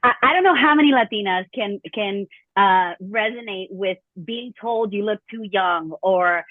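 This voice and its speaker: A woman moderating a conference panel in a lively, casual way, laughing easily. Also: medium pitch, normal speed, no room sound. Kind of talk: panel discussion. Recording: dry tinny phone-like sound.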